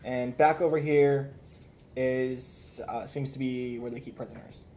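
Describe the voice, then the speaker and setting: A man's voice: mid-range voice, fairly even intonation, measured pace, darkish tone. A man narrating a tabletop role-playing game as game master, casual and loose, with fillers and laughter.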